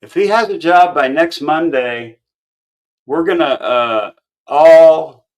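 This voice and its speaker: A man giving live stream commentary in a blunt, mocking way, fairly high-pitched and rambling with fillers between his jabs. His voice sits a touch above the usual range for a man. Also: slow.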